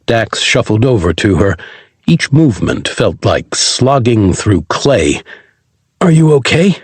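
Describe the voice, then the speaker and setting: Male sci-fi narrator, husky, animated reading, dry studio sound. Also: fairly low pitch, slow, dry recording. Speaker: audiobook narrator. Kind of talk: scripted audiobook narration.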